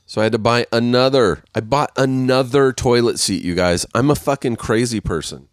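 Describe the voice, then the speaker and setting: At a moderate pace and mid-range pitch, a man hosts a solo podcast from a set where he's waiting, recording by himself. The sound is studio quality with no echo. His talk is casual and rambling, laced with swearing and self-mockery, punctuated by laughs, and he sounds stuffed up and nasal.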